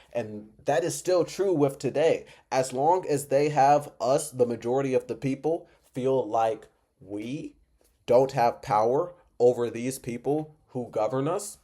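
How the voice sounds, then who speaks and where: A man's voice: mid-range voice, mellow. A man who is drunk, ranting off the cuff in an emphatic, repetitive, rambling way. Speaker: reaction video host. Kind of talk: impassioned off-the-cuff rant.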